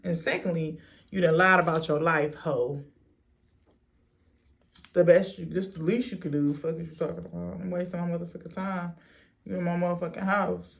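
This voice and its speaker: A woman's voice: lowish voice, steady tone, creaky. A woman vlogger chatting casually through a storytime as she gets ready, blunt and sassy, swearing freely in a stop-and-start delivery. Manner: unhurried stop-and-start delivery while doing a get-ready-with-me.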